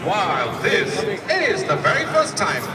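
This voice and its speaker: Guy announcing an airshow, high lively voice, big showman delivery, heard far off over loud music. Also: a little slow. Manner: formal, dramatic showman delivery. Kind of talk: scripted live event commentary. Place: outdoor airshow over loudspeakers. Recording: distant echoey PA, loud music and crowd.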